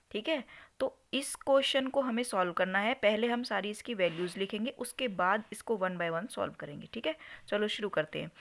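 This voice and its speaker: Woman teaching maths, patient, asks herself questions then answers, middle pitch. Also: fairly bright tone. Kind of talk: explaining a solved exam problem.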